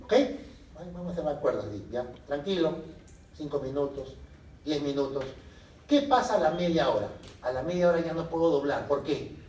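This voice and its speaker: A man lecturing a medical class, lively, asking the students questions and answering them himself. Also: on the high side, normal speed, a little hiss or hum. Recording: echoey room from a distance.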